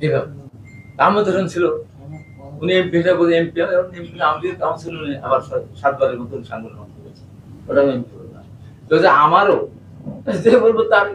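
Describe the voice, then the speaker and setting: A man's voice: a little high, fast talker, pauses often, a little hiss or hum. A man with a Bangladeshi accent giving an impassioned political rally speech into a public address microphone, leading the crowd in chants. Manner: impassioned, rising to shouted chants. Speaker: political speaker at a protest rally. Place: outdoor or hall rally. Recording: echoey, distant PA sound with faint ambience.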